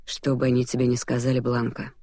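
Audiobook regent, male, cold and measured, read by a woman in a deep, close, dry voice. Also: monotone, mellow, no room sound. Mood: cold calm.

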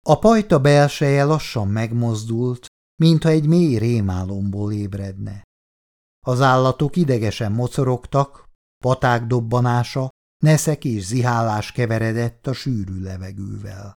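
A man reading an audiobook in a measured, dramatic narration. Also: medium pitch, a little mellow.

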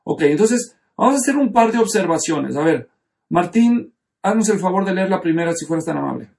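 A man's voice: high voice, expressive, fairly quick, creaky, a little mellow. A man teaching a Bible study class, explaining the text step by step and checking in with his students. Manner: explanatory, asks the class questions.

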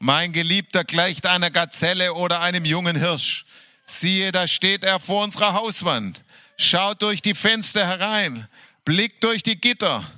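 A man in a worship service reading scripture with fervour, slowly drawing out his words and breaking into hallelujahs and laughter. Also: sits high, pushed and bright, dry recording, studio quality. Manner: fervent, exclaiming hallelujahs, laughing between verses; slow, drawn-out delivery. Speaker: worship leader.

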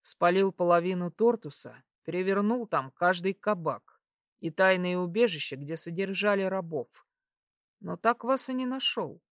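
A woman voicing a confident young prince who speaks slowly in a lowered, intimate voice. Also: lively intonation, dry recording, clean studio sound, close to an everyday voice. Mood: earnest. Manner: slow, lowered, intimate delivery.

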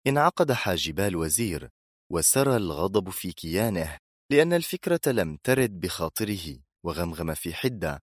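A man's voice: sits low, moderate pace, dry recording, clean studio sound. A man reading a thriller aloud in scripted, dramatic narration. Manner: dramatic, expressive storytelling.

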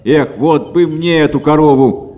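A man's voice: on the high side, moderate pace, a little mellow, muffled recording, natural voice. A man voicing a foolish, easily dazzled simple man who gushes over everything he sees. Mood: eager. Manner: wistful, gushing exclamations. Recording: echoey reverberant room.

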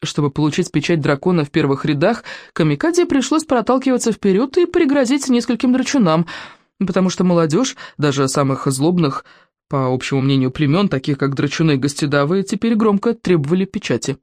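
Expressive woman reading a storybook. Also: lowish voice, brisk, no echo, studio quality. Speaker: audiobook narrator. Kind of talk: audiobook narration.

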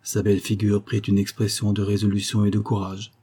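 Mellow husky male audiobook narrator. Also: on the low side, completely flat delivery, brisk. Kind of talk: literary first-person narration.

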